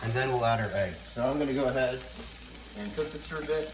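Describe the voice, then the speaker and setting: In an echoey room, a fast-talking man with a mid-range voice, congested from a cold, casually walks through a cooking demonstration in his home kitchen, chatting throughout. Frying and clatter ring out clearly in the background.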